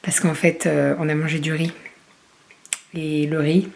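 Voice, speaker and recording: A woman's voice: deep voice, flat delivery, a little slow, vocal fry, darkish tone, slight background noise. A woman vlogging about her family life from her home kitchen, rambling casually with lots of hesitations and self-corrections. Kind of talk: casual home vlog chat.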